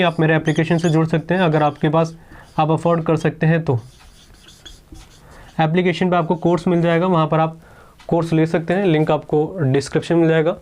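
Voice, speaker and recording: A man's voice: a little high, darkish tone. A man teaching exam strategy in a casual, chatty lecture, often checking in with his students. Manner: quick, chatty, keeps saying "ठीक है".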